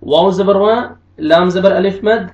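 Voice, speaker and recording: A man teaching Quranic recitation, spelling out each syllable slowly and drawing out the recited words. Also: high voice, steady tone, a little mellow. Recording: echoey, distant, dull lo-fi room sound.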